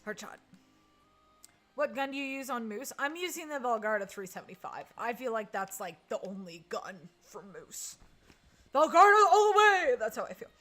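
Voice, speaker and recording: A woman's voice: medium pitch, normal speed. A woman chatting casually on a live stream while playing, reading and answering chat and groaning at misses. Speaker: game streamer.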